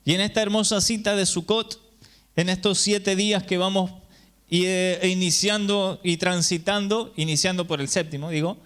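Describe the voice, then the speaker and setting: A man with a high-pitched, smooth, fairly bright voice preaches a teaching sermon to a gathered congregation at normal speed and a steady tone. He explains things patiently, checking in with listeners through rhetorical questions.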